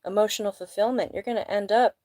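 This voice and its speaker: A woman's voice: medium pitch, steady tone, fast, mellow, dry recording. A woman giving a casual live tarot reading, blunt and emphatic, with a sniffly nose, indoors at home. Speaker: tarot reader.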